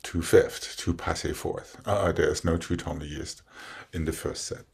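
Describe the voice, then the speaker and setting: A low-voiced man with a husky grain works as a dance teacher. He counts out ballet combinations in short, rhythmic, directive phrases, naming each step in turn. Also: fairly even intonation, a little slow. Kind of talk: dance instruction, calling out combinations.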